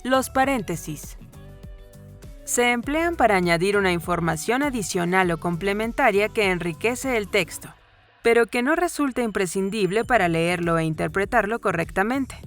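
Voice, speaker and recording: A woman reading a scripted grammar lesson in a calm, even voice with clear pauses. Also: mid-range voice. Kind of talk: scripted educational narration. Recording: voice-over with faint background music.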